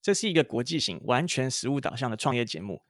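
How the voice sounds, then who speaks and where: A man with a Taiwanese Mandarin accent hosting a business podcast, who reads a scripted intro and then asks measured questions. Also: mid-range voice, animated, no room sound, studio quality. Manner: measured, careful questions in English. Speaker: podcast host.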